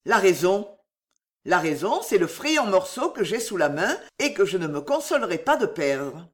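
A smug male cat perched out of reach in a storybook tale, giving short, teasing replies with lively pitch, as a reader puts him on. He is cool and wary. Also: normal speed, lightly acted. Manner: curt, teasing.

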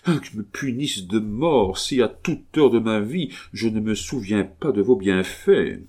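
A man's voice: lowish voice, expressive, unhurried, darkish tone, slightly rough. Fawning pious informer, honey-sweet and groveling, read by a man. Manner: honeyed, pleading, sanctimonious. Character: fawning sly male Jesuit informer.

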